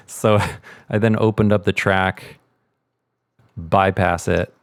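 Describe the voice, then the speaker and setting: A middle-aged sound mixer gives a casual tutorial walkthrough on sound mixing, thinking aloud as he goes. His deep, smooth voice is steady and slow, with no echo.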